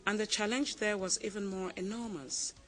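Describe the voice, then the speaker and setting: A woman from Cameroon in her forties, a guest on a TV interview who answers in a measured, reflective way and laughs easily. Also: medium pitch, steady tone, a bit bright, rough recording.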